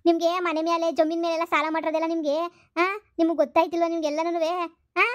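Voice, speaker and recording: Woman doing a nagging village wife n daughter, high flat voice, dry. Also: quick pace, no room sound. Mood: pleading, nagging. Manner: pleading, nagging, whiny. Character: pleading village wife and daughter of forgetful man. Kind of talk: village comedy skit.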